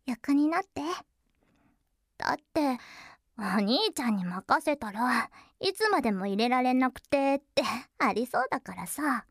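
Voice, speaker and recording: A woman voicing a teasing, seductive adult younger-sister character in an intimate audio drama, speaking softly and slowly with frequent giggles. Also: high voice, no room sound, studio quality, exaggerated voice. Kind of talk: intimate audio role-play.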